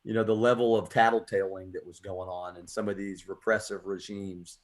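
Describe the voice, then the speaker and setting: This man has a deep voice with a flat delivery and a slightly quick pace. He's an American poet and poetry radio host, chatting casually and earnestly and circling back over words as he works through his thoughts.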